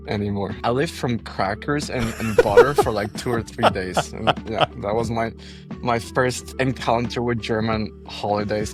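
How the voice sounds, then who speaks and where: A young Costa Rican man with a lowish voice is a podcast guest telling his story in casual chat, often repeating words and laughing between thoughts.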